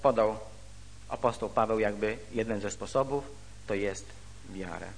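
A man preaching a sermon. He reads scripture aloud and then explains it slowly, with pauses. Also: fairly low pitch, a little hiss or hum. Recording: reverberant hall.

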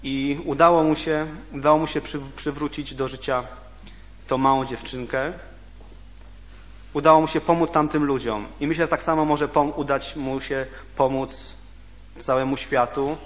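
A man preaching a sermon, reading scripture aloud, then reflecting on it, often halting and repeating words. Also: on the high side, fairly even intonation, a bit bright. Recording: long reverb of a hall.

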